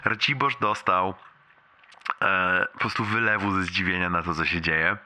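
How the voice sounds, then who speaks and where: A man's voice: sits low, fairly even intonation, normal speed, sharp tone. A young man leaving a casual, rambling, sweary voicemail for a friend, amused and wincing in pain as he talks. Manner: rambling, colloquial, heavily sweary storytelling.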